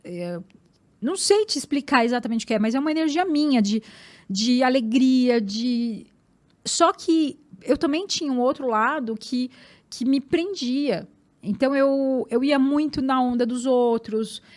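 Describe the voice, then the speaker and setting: A woman with a Brazilian Portuguese accent, a guest and marathon runner, telling her story in an animated, emphatic way and often repeating words. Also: high voice, measured pace. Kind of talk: personal storytelling in conversation.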